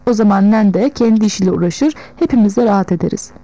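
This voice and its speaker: A woman reading an audiobook, voicing a calm, reserved father who speaks tersely to his son. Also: medium pitch, fast, no echo, close to an everyday voice.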